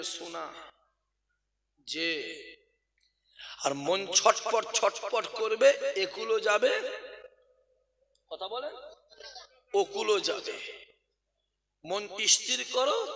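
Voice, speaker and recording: Fiery high-pitched Bengali preacher, echoing hall. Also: male voice. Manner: shouting to the crowd, calls for responses. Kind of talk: fiery sermon. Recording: long hall reverb.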